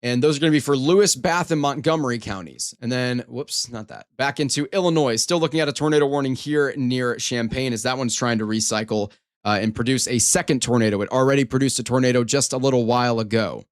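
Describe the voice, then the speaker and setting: Hosting a live storm coverage stream, a man delivers running weather commentary emphatically and repetitively. He talks fast in a mid-range voice.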